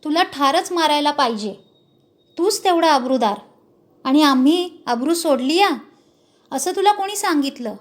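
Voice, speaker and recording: A woman's voice: sits high, expressive, normal speed, pauses often. A woman voicing a fierce, menacing male outlaw chief who barks orders in a storybook reading. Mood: interrogating. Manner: barking orders and threats.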